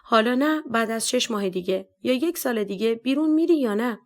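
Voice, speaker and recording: A woman's voice: on the high side, lively intonation, close to an everyday voice. A woman voicing a stern, scornful male police captain who scolds harshly and talks down sarcastically.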